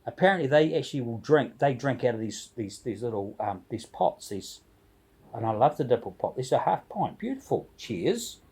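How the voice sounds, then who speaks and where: A man's voice: medium pitch, very animated, moderate pace, a little mellow, husky. A man chatting casually and ramblingly to camera as a video blogger, with a jovial, informal, slangy way of talking.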